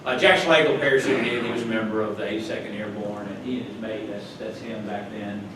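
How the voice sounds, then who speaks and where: Brisk and steady, with a lowish voice, an older North Carolina man gives a folksy, chatty slide talk as a club's guest speaker, adding chuckling asides. The meeting hall audio was recorded from far away, echoing and full of noise.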